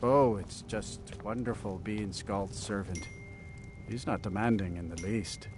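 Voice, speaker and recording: A weary, sarcastic servant from a fantasy game, played by a man. His fairly low voice is dry and put-upon, with music clearly behind it. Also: unhurried, close to an everyday voice. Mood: bitter sarcasm. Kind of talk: video game character dialogue.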